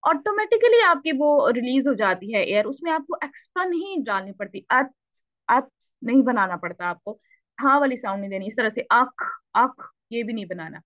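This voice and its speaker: A woman with a Pakistani Urdu accent teaches a recitation lesson in a fairly high voice, patiently repeating and sounding out each letter. The recording is dry and a little dull. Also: very animated, brisk, dry recording. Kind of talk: online lesson explaining tajweed.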